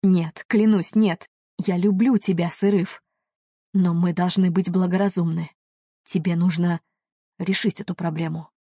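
A woman voicing a married male doctor who speaks in a flat, monotone voice. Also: measured pace, breathy edge, dry recording, studio quality. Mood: anguished. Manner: flat, monotone, slightly lowered. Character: man, married doctor, cold and evasive.

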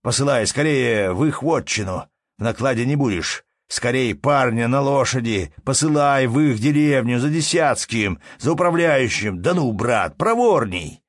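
A man reading an audiobook, voicing a panicked male merchant who yells in alarm. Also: mid-range voice, expressive, moderate pace, hardly any pauses, dry recording, studio quality, pitched above the performer's own voice, natural voice. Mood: urgent. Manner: yelling in alarm.

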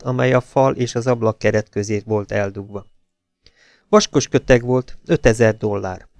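Man reading a novel, gravelly voice. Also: mid-range voice, a little mellow, no room sound, studio quality. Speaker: audiobook reader. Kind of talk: audiobook narration.

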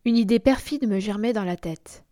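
A woman reading a classic short story aloud in measured, expressive audiobook narration. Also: medium pitch. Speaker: audiobook reader.

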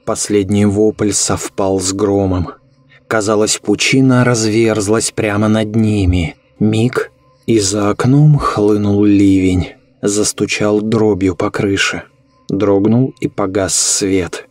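A man narrating a horror story in a measured, ominous way. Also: lowish voice, fairly even intonation, a little mellow, no room sound.

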